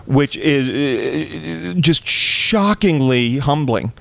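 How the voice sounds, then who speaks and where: A man's voice: fairly high pitch, animated, very slow, vocal fry, a bit bright. A man, a guest comedian, reading his own comic story aloud with a wry, precise, wordy delivery.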